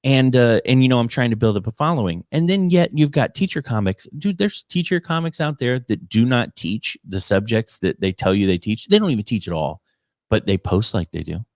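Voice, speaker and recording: A man's voice: medium pitch, lively intonation, fairly quick, dry recording, clean studio sound. A man who works as a comedian, ranting casually in an exasperated, emphatic way and often repeating himself. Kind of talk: casual conversational rant.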